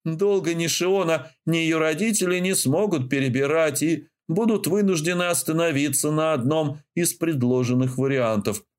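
A man reading a novel aloud as an audiobook narrator, with steady, even storytelling. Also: on the high side, moderate pace, hardly any pauses, smooth. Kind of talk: scripted narration.

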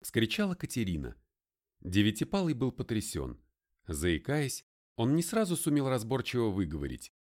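A man reading an audiobook in the first person, his pitch rising and falling with great liveliness as he tells the story. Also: wildly swooping pitch, moderate pace, darkish tone. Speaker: narrator. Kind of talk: audiobook narration.

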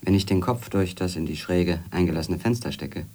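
A man voices a haunted, bitter former editor with an obsessive streak in a radio drama, his halting, literary monologue frequently dropping toward a whisper. The voice sits low and a little mellow, carrying an uneasy, brooding mood.

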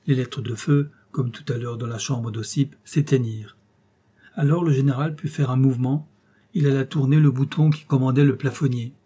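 A man reading an old adventure novel aloud as an audiobook narrator, in dramatic, measured phrases. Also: medium pitch, steady tone, dark tone, husky.

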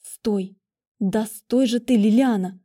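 For an audiobook, a woman gives voice to a stern female witch who grumbles and barks strict commands. Her delivery is slow and mellow, pitched a little high.

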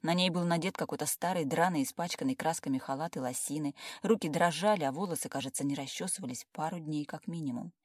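A woman narrating a first-person audiobook with lively, wry storytelling. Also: deep voice, quick pace, few pauses, no echo, studio quality.

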